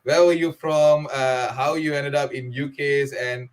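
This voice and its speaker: Malaysian guy hosting an online chat show, mid pitch, lots of uhs, video call sound. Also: steady tone, clear, resonant tone. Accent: Malaysian English. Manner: hesitant, many drawn-out "uh" fillers. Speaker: host. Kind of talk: live online talk show interview.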